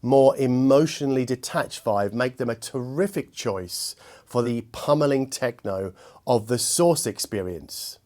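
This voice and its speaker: A male host presents a spoken product review of equipment to viewers, speaking in a measured, articulate manner and picking his words precisely. His voice is mid-pitched with a darkish tone.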